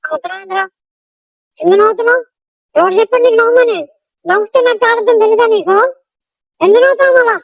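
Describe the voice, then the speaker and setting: A man playing a furious woman in a comedy sketch, her voice squeaking very high and grinding with fry. She fires her scolding off at a breakneck pace. The sound is dull, lo-fi and dry. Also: racing, long pauses, no room sound, heavily acted. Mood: angry scolding. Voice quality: shrill falsetto, gravelly. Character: shrill angry Russian woman scolding a student.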